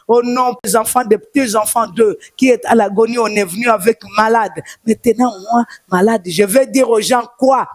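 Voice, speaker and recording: A woman's voice: on the high side, a little mellow, no room sound. A woman prophetess with a Congolese French accent, giving a fervent testimony in a repetitive, sing-song preaching cadence.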